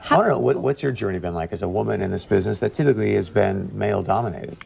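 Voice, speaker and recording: Very gravelly man asking questions. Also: on the low side, fast talker, a little mellow, slight background noise. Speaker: interview host. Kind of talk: casual questioning.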